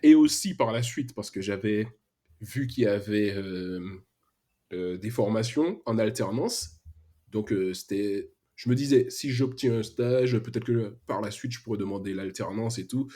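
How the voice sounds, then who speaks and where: A young man from Martinique, a freelance web developer appearing as a podcast guest, tells his story casually in an interview, full of hesitations and slang. His Antillean French accent comes through in a fairly low, dark voice at a moderate pace.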